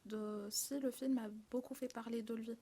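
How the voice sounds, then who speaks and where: A young woman talks through a film review on a live talk show, slightly high in pitch. She chats casually, often pausing on fillers and restarting her sentences. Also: fairly even intonation, mellow, a little hiss or hum. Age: young adult. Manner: chatty, hesitant, many fillers and restarts, laughs often. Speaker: film columnist.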